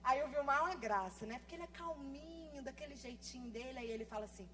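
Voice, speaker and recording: A woman in her thirties, a pastor, preaching a sermon fast and with lively swings between soft asides and loud emphasis. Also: high-pitched, a little hiss or hum. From Brazil. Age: 30s. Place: church.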